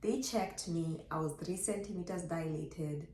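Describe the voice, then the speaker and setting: A woman's voice: a little slow, slight background noise. A young woman animatedly telling her birth story to the camera, acting out quoted dialogue. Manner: lively, acts out quoted dialogue with big pitch jumps. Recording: echoey room.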